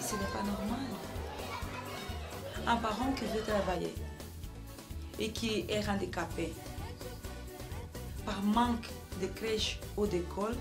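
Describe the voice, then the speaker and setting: A woman from Belgium answering interview questions as a political candidate, in a measured way with frequent hesitations. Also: medium pitch. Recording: background music throughout.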